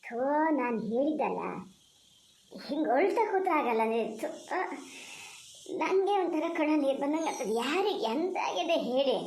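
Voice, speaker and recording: A bustling cartoon village woman, voiced by an actor, chatters in a very high, brisk voice, coaxing and scolding. She sounds loud and bossy but kind. The room echoes around her. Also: slight background noise.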